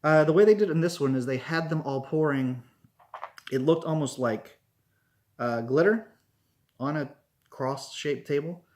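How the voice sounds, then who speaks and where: A man's voice: a little high, normal speed, long pauses, darkish tone, slight background noise. A man giving a casual spoken review, rambling with many "like"s and "um"s and restarting his sentences. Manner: rambling, lots of fillers and restarts.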